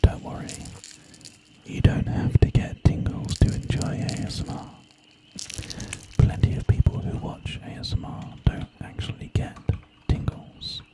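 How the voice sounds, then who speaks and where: A man whispering casually and reassuringly as an ASMR live streamer, chatting unhurriedly with his viewers. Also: a little slow.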